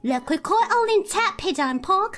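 A woman's voice: very high voice, expressive, fairly quick, a bit bright, faint music behind. A woman streamer playing an English teacher, theatrical and exaggerated in a playful chat.

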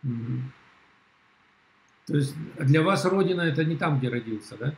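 A middle-aged man argues over a video call from a room at home. His voice sits at an ordinary pitch, and his replies come blunt, scornful and dismissive. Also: lively intonation, measured pace, poor audio. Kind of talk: heated casual argument.

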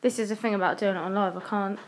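A young woman urban explorer vlogs live by phone, held at arm's length, while wandering an abandoned house indoors. She chats casually in a nervous, whispery way, her medium-pitched voice fairly even and quick, with slight background noise.

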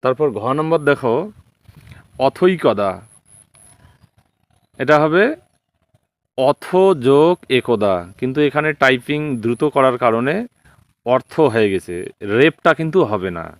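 A man's voice: mid-range voice, expressive, measured pace, long pauses, smooth, dry recording. A man with a Bengali accent teaching a school lesson, patiently explaining and reciting word forms step by step. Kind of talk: exam-prep lesson over typed slides.

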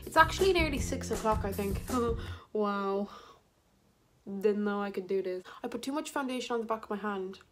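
A young Irish woman chatting casually through a makeup vlog in her bedroom, rambling and goofy, with sudden loud silly outbursts. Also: medium pitch, moderate pace, slight background noise. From Ireland. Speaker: vlogger.

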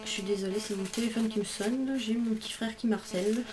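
A woman's voice: medium pitch, steady tone, noisy background. Gushing woman chatting over craft mail. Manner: chatty, gushing over each item, reads English phrases haltingly. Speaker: craft channel host opening mail. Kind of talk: casual unboxing chat.

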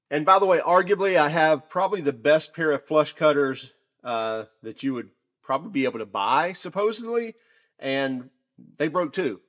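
A tool reviewer with a fairly high-pitched voice talks about shop tools from off camera, keeping it relaxed and conversational while often restarting and leaning on filler words.

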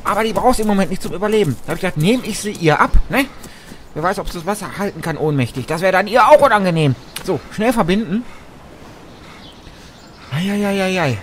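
A man commentating a video game for his channel, rambling and joking in a mock-dramatic way with sudden loud outbursts. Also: high voice, lively intonation, brisk. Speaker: let's play host. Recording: noisy game audio behind voice.

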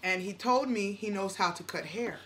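A woman's voice: mid-range voice, normal speed, heavy background noise. A woman in her forties hosting a mukbang vlog at home, chatting with viewers and acting out her own reactions. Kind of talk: casual storytelling to viewers while eating. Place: home dining room, indoors. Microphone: camera on the table in front.

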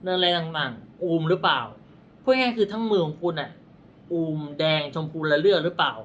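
This man reads palms, explaining things casually in a blunt, meandering style, correcting himself along the way and gesturing at his own hand. His high-pitched voice is expressive, a little fast, fairly bright, and husky, with a dry throat.

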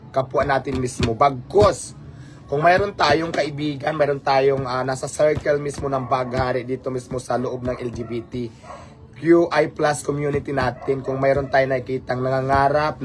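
A man from the Philippines with a Filipino accent, talking casually to his live-stream viewers, exasperated and rhetorical, dropping English phrases into his speech. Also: mid-range voice. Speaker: livestream host.

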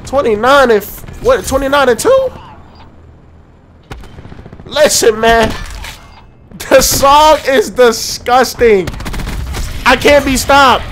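Hyped high-voiced young man gaming. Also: slow pace, pauses often, a little hiss or hum. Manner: excitable trash talk with frequent laughing. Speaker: gaming YouTuber. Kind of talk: casual gameplay commentary. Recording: faint game gunfire behind. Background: gunfire.

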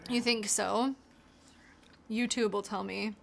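A woman's voice: mid-range voice, steady tone, takes it slowly, creaky, fairly bright tone, a little hiss or hum. A young American woman casually chatting on a livestream, bubbly and reading out viewer comments. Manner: bubbly, reads out chat comments. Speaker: YouTuber hosting a livestream.

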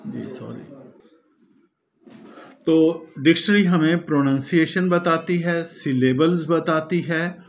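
Slow-spoken male teacher. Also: a little high, slight background noise. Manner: slow, explanatory, spells words out letter by letter. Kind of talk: classroom lecture.

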